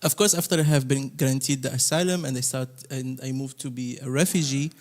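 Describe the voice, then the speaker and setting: A man speaks earnestly on a panel. His phrasing is slightly broken, and his pitch sits in an ordinary middle range. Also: steady tone, a little fast. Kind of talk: panel discussion.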